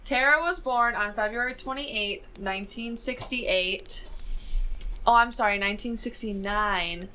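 A woman's voice: on the high side, a little slow, pushed and bright, slight background noise. A young woman co-hosting a podcast, reading out case notes in a conversational, giggly way with "um"s. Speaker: podcast co-host presenting a case.

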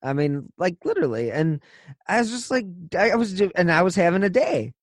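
A man's voice: sits high, animated, fairly quick, dry recording, clean studio sound. A man hosting a podcast who talks bluntly and swears freely in casual chat. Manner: blunt, profane, heated venting. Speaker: podcast host.

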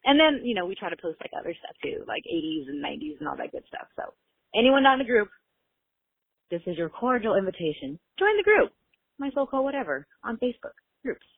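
A woman's voice: mid-range voice, very animated, quick pace, vocal fry, breathy edge, no room sound. A woman from Long Beach, California, leaving a chatty, upbeat voicemail for a podcast as a caller. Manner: chatty and upbeat, inviting listeners. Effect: leaving a voicemail over the phone. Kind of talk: casual voicemail message. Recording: tinny phone line, dry.

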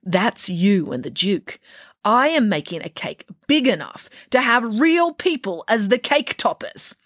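A woman's voice: mid-range voice, sing-song, a little slow, a bit bright, no echo, clean studio sound, pitched above the performer's own voice. A woman voicing a bossy, shrewd, cake-loving nanny who talks in a grand, boastful way.

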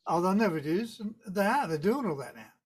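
A man's voice: sits high, lively intonation, fast, crowd noise. A middle-aged or older man with a Tasmanian Australian accent, chatting casually as an interview guest in a laid-back, slangy, wry way. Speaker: guest, surf photographer.

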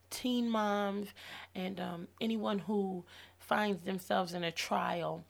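A faith-based podcast host in her thirties addresses her listeners with upbeat encouragement. She speaks at a middle pitch, though her voice has gone hoarse and gravelly after losing it.

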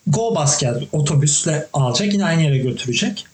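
A young man chatting casually as a host, his voice sitting a little higher than most men's. He tells stories with lively energy and swears freely along the way. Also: brisk, reverberant, low-quality recording. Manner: animated storytelling, swears casually. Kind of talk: casual chat.

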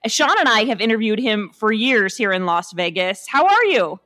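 A woman hosting an interview, enthusiastic and quick to praise her guest. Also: medium pitch, animated, fairly bright tone. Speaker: interview host. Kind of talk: interview chat.

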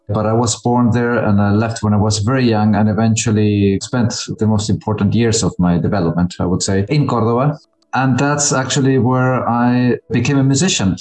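A man in his forties from Argentina, a musician guest telling his story thoughtfully, with frequent pauses and fillers. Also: lowish voice, darkish tone, roomy sound, low-quality recording. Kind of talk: interview conversation.

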